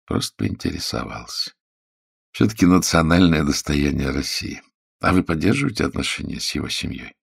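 A man voicing a suave, cold secret police officer who speaks smoothly and quietly. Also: rumbling low, sing-song, fairly quick, exaggerated voice. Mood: cool.

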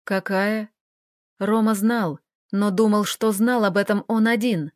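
A woman narrating a novel in an even, measured reading. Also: mid-range voice, no room sound, studio quality. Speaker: audiobook reader. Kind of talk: scripted narration.

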